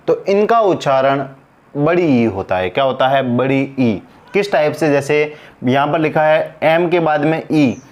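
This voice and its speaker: A man with a slightly high voice teaches an English pronunciation lesson. He repeats each word and asks questions that he then answers himself.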